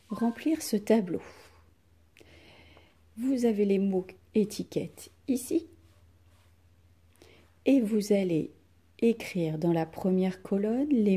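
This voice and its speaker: Teacher, female, recorded home lesson for children: slow, mellow, slightly husky delivery, sounds drawn out. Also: medium pitch. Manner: slow, clearly articulated, stretches out sounds. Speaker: primary school teacher. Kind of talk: recorded reading lesson for young pupils.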